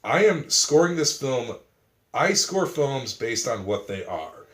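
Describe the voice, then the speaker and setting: An animated man reviewing a film in a loose, casual chat, laughing and swearing as he retells scenes. His voice sits at an ordinary middle pitch. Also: takes it slowly.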